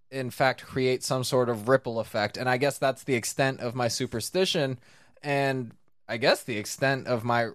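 A man's voice: mid-range voice, no echo, studio quality. A man co-hosting a casual chat, joking and rambling as he talks.

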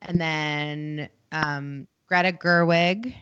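A woman with a fairly low voice talks casually on a trivia panel. The recording is close and dry, slightly lacking in crispness. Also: steady tone, drawn-out words, a bit bright, no room sound, highs cut off. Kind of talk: casual chat.

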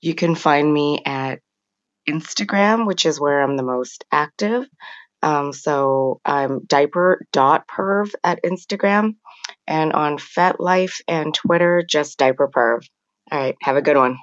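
A woman's voice: sits low, takes it slowly. A woman leaving a casual, chatty and complimentary recorded voice message for a podcast host, played back on the show. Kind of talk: casual voice memo. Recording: dull lo-fi voice memo.

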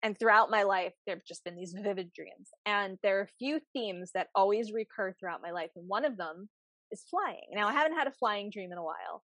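A woman from the United States hosting a podcast interview, chatting casually and telling stories in an animated way. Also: medium pitch, brisk, no echo. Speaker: podcast host.

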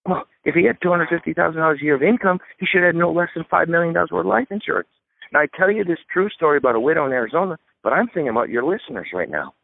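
A man's voice: on the high side, animated, very fast, gravelly, dry recording. A man in his fifties, a retirement expert guest, giving emphatic step-by-step advice in a radio interview. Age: 50s. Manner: emphatic, instructive, lays out steps. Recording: dry tinny phone line.

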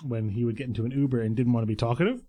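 A man co-hosting a podcast, chatting casually in a quick, wry, conversational way. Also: medium pitch, dark tone. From Croatia. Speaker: podcast co-host. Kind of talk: casual chat.

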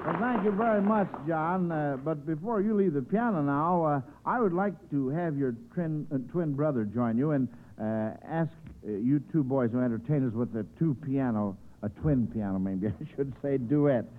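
In a scratchy old radio broadcast with narrow, phone-like sound, an American man hosts a 1940s quiz show in a jovial, folksy, bumbling manner. His voice is on the high side, at normal speed with few pauses.

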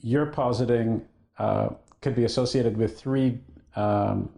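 A male interviewer who asks halting, hesitant questions full of fillers. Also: medium pitch, fairly even intonation, gravelly, dark tone. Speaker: interviewer, host.

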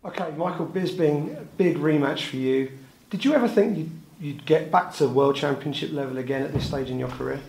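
A man's voice: fairly high pitch, fairly quick, creaky, darkish tone, slight background noise. A man interviewing a fighter, asking long, detailed questions. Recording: echoey room.

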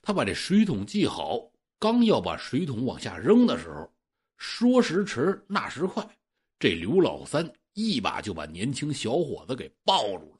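Man doing a folk ghost tale, husky voice, super lively pitch. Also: normal speed. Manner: animated folk storytelling. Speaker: storyteller. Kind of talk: oral ghost-story telling.

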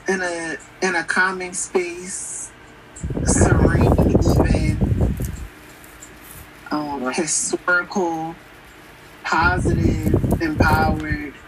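A young man, a guest on a radio show, answering in a thoughtful, measured way. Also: fairly high pitch, level tone. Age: young adult. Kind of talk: call-in radio talk. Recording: distant noisy mic.

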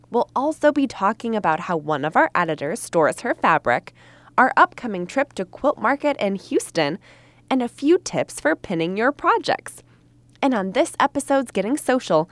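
A woman hosting a podcast in casual, cheerful chat, her voice deep and muffled from a cold. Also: dry recording. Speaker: podcast host.

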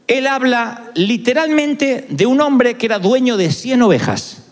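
A man's voice: very high-pitched, lively intonation, measured pace. A male pastor preaching a sermon, acting out the words of the people he quotes. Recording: echoey hall with long reverb.

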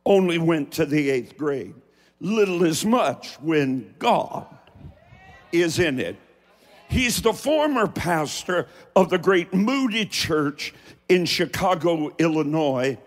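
Slow, high-voiced Appalachian preacher man. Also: lively intonation. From Appalachia, United States. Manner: deliberate, theatrical delivery with emphatic pauses. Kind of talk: folksy, dramatic sermon. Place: large hall, preaching to a congregation. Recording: echoing large hall with long reverb.

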